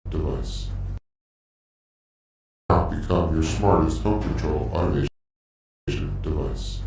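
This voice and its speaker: A man voicing a calm, menacing evil AI assistant in a fan dub, speaking in a slow, cold, even manner. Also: very deep voice, creaky, exaggerated voice. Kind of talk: fan dub recording takes. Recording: very echoey, distant from the mic, faint music.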